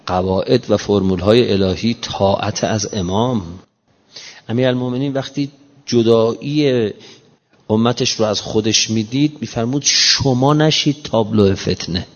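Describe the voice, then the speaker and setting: A man giving an emphatic sermon in casual everyday speech, slowing down to recite scripture. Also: lowish voice. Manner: emphatic, quotes scripture in slow measured recitation; colloquial, explains modern slang. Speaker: preacher. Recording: muffled reverberant hall recording.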